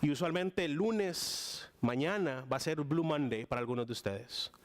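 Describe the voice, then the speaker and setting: Young costa rican guy preaching, kinda high voice, chatty with lots of ums and restarts. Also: normal speed. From Costa Rica. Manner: chatty and warm with frequent fillers and restarts. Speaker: guest preacher. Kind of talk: sermon.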